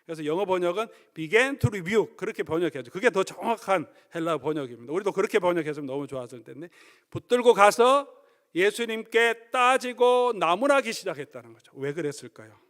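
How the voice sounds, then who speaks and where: A man's voice: high-pitched, fairly quick. A male pastor preaching a sermon, explaining word meanings and acting out scenes with animation. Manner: animated storytelling, acts out scenes.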